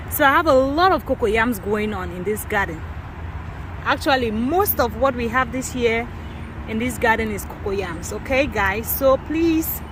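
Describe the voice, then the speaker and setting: Woman from Cameroon, gardening vlogger, high-ish voice, chatty tour, wind and traffic noise outside. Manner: chatty, addresses viewers as guys. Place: outdoor garden, windy.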